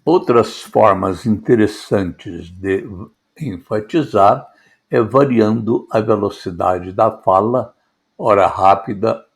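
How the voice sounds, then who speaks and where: Slow, gravelly-voiced male speaking instructor. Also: lowish voice. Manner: measured, deliberate delivery with stressed words. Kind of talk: scripted lesson narration.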